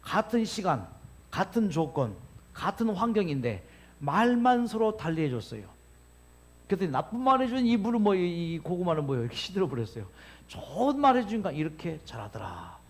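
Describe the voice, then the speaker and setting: Male health lecturer, high voice with big swings, rhetorical questions to the room. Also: brisk. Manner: animated, asks the audience questions and answers himself.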